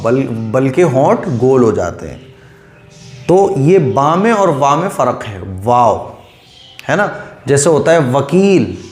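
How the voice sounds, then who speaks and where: A man teaching Quranic letter reading in a patient, repetitive way, drawing syllables out slowly when he demonstrates them. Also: on the high side, a little mellow, reverberant. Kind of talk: online recitation lesson.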